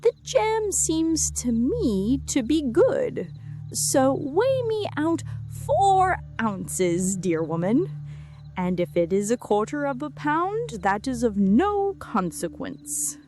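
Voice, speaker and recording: Cheerful little storybook tailor, acted by a woman, self-satisfied, expressive, high lilting speech, music behind. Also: slow pace, heavily acted. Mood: fussy, pleased. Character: cheerful little male tailor in a fairy tale.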